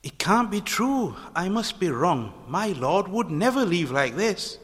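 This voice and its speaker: A man voicing an earnest young prophet for a children's story, declaiming slowly in wonder. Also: high-pitched, sing-song, fairly bright tone, voice pushed up, exaggerated voice. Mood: doubtful dismay. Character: earnest young male prophet marvelling at the heavens. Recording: long hall-like reverb on voice.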